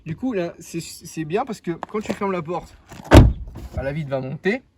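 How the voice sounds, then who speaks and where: A man's voice: a little high, lively intonation, measured pace, heavy background noise. A young man casually showing off his car outdoors, joking and rambling with lots of fillers. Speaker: car vlogger.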